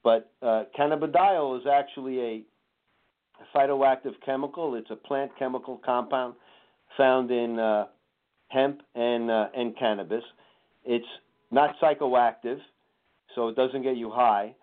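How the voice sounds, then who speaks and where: A man on a radio show as a chiropractor guest, friendly and explanatory, with jokey asides. His voice has a medium pitch for a man. It sounds tinny and narrow, as if on a phone call. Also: measured pace.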